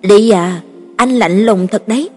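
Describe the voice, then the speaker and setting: A woman narrator voicing a sly, mocking female assassin who teases and taunts. The voice is husky, with reverb and music behind it. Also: mid-range voice, measured pace. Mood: taunting. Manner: teasing, taunting. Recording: reverberant, with soft background music.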